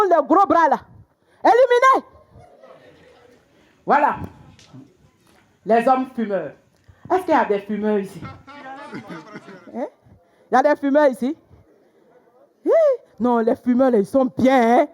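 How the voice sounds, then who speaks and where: A young woman performing a stand-up comedy routine, telling stories with sudden loud exclamations. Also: high-pitched. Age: young adult.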